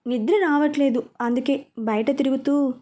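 A woman's voice: high-pitched, fairly even intonation, normal speed, warm tone, dull audio, close to an everyday voice. A woman reading a story, voicing a breezy, easygoing young woman. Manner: breezy, surprised.

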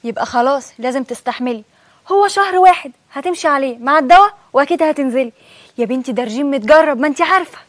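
Egyptian woman, high voice, racing bossy lines, dry close sound. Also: expressive, very fast, dry recording. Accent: Egyptian Arabic. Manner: bossy, lecturing. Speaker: friend in comedy sketch.

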